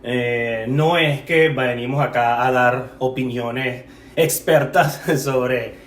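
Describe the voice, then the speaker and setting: A man's voice: mid-range voice, steady tone, takes it slowly, far from the mic. A man co-hosting a casual film podcast, rambling and correcting himself as he goes, laughing often. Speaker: podcast co-host. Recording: echoey room, off-mic, faint noise.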